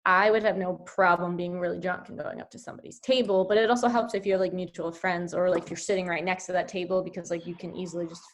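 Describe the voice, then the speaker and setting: A woman's voice: fairly low pitch, flat delivery, quick pace, few pauses. Chatty young woman, teasing guest. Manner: teasing, chatty, matter-of-fact. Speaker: podcast guest. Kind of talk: casual chat.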